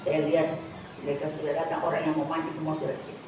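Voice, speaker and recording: A woman gives a personal testimony at a church service, speaking in a halting, repetitive way, recorded from a distance. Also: low voice, flat delivery, darkish tone. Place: church hall. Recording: echoey church hall from far off, faint noise.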